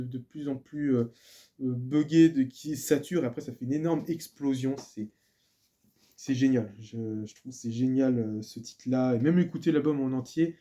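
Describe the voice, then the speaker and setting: A man's voice: medium pitch, warm tone. A man chatting casually in a video about his purchases, talking with many fillers and restarts. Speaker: vlogger presenting records and books. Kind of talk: casual chat.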